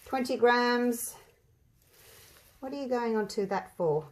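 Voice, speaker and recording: At an indoor craft table, an Australian woman hosts a craft tutorial, chatting casually and thinking aloud as she demonstrates. Her voice is on the high side and she takes things slowly, sounding slightly muffled by a mask over her mouth.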